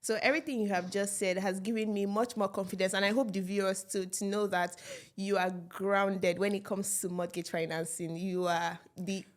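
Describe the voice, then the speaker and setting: Woman host, real estate interview, upbeat, chatty, laughs often, mid-pitched voice. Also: steady tone, moderate pace. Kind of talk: casual interview hosting.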